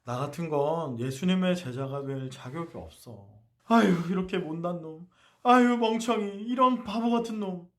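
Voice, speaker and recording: A man's voice: high-pitched, expressive, moderate pace, few pauses. A man voicing the disciple Peter, a remorseful fisherman who groans and scolds himself. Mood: self-reproach. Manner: self-scolding, groaning sighs.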